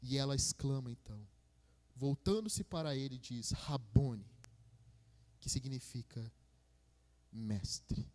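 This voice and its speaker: A man's voice: slow pace, pauses often, darkish tone. A man preaching a sermon as a minister, with a Brazilian Portuguese accent, building to fervent passages and calling listeners "my brother". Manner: rising to fervent, high-pitched preaching. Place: church hall. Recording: long church-hall reverb.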